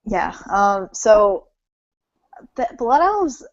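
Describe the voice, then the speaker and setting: A woman's voice: mid-range voice, sing-song, very slow, no echo. A woman hosting a casual chat, rambling and filling her talk with "like", a little self-conscious about it. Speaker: host. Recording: dull lo-fi sound.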